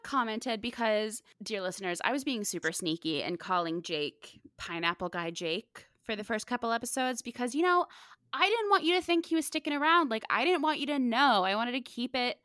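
A woman hosting a casual podcast, upbeat and lively. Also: a little high, a little fast, no room sound, clean studio sound. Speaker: podcast host.

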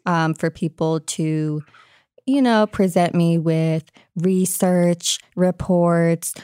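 A woman hosts a casual podcast at a slow, easy pace. Her voice is a little low, and she tells jokes in a wry, deadpan way. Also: clear, resonant tone, dry recording, studio quality. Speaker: podcast host.

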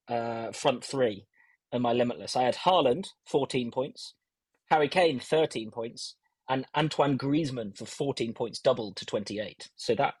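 A man hosts a casual fantasy football podcast in a husky voice. He banters and pokes fun at himself. The audio is dry but low quality, like a stream without a proper microphone. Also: no room sound, low-quality recording. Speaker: host of a fantasy football show. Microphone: stand-in mic, not his usual one.

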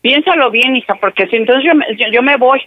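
A woman's voice: high voice, brisk, dry recording, dull audio. Agitated swearing mother on the phone. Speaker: prank call target, caller's mother. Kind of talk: phone call.

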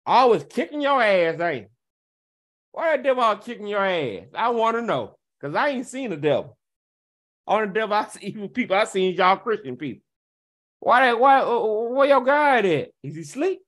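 A man goes on a confrontational rant, throwing out mocking rhetorical questions and scornful laughs. He lurches between loud jeering and slow, low muttering, sometimes in a sing-song way.

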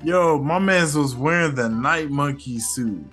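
A man's voice: fairly high pitch, a little slow, fairly bright tone, faint music behind. A man giving casual, hyped film reaction commentary, slangy and profane. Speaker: reaction host.

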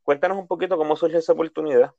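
A male interview host asks measured questions. His voice is gravelly with fry. The recording is dry and somewhat dull. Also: a little high, fairly even intonation, darkish tone, no echo. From Puerto Rico. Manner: brief listener responses, measured questions. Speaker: podcast host.

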